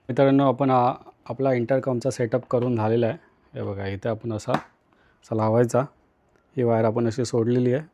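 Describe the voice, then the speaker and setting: A vlogger with an Indian accent from Maharashtra hosts a casual hands-on tutorial in a warm, medium-pitched voice. He addresses viewers with short instructional phrases that he repeats.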